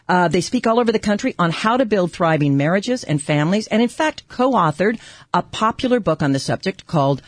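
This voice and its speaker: Woman radio host, chatty and warm on air, animated delivery, close dry mic. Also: lowish voice, brisk, dry recording. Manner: upbeat, chatty, laughs easily. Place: radio studio.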